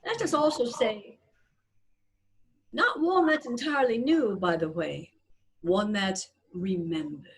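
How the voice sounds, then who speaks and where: Speaking in a mid-range voice with lively intonation, a woman acts as a trance channeler, seance-medium style, leading a group session. Her guided-meditation phrasing is deliberate, portentous, and reassuring, and there's a little hiss or hum in the audio.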